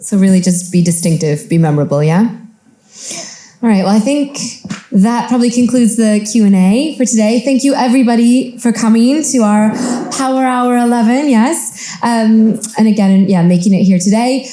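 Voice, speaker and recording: A woman's voice: on the high side, moderate pace, dark tone, reverberant. A woman hosting and moderating a Q and A at a live event, upbeat and effusive in her thanks. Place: event venue with live audience.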